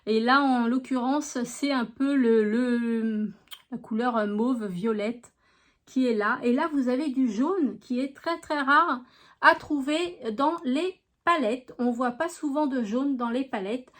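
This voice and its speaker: Slow, high-voiced woman with a French regional accent. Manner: unhurried, chatty, lots of fillers and voilà. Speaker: beauty vlogger. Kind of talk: casual product review.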